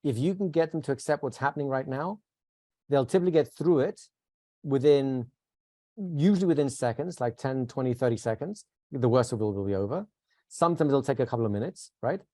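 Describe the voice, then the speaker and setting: A man teaching a live workshop, talking conversationally, asking the class questions and shifting into a calm, soothing voice to demonstrate. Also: mid-range voice, brisk, no room sound, clean studio sound. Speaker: instructor.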